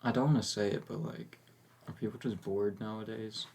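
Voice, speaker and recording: Man, podcast host, low voice, rambling casual chat, lots of fillers. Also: steady tone, moderate pace, creaky, darkish tone, slightly rough. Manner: rambling, filler-heavy, musing.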